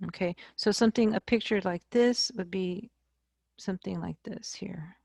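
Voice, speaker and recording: A woman math instructor giving a recorded lecture, explaining slowly and checking in with "okay?". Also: medium pitch, creaky, mellow, no room sound, clean studio sound.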